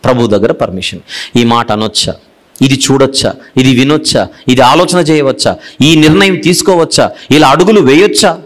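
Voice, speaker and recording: A man with a Telugu accent preaches at a moderate pace, using repeated phrases for emphasis while shifting from loud proclamations to low, hushed rebukes.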